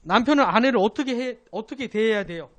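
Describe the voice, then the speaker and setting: Male pastor teaching doctrine, animated pitch, call-and-answer questions to the congregation. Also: fast talker. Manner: asks the congregation questions, then answers them himself. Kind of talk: Sunday doctrine class teaching.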